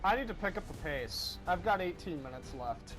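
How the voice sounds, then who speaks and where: A very high-pitched male gamer commentates casually in a rambling, self-deprecating way. His intonation moves around a lot, and faint game music sits behind him. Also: animated, moderate pace. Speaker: gaming commentator.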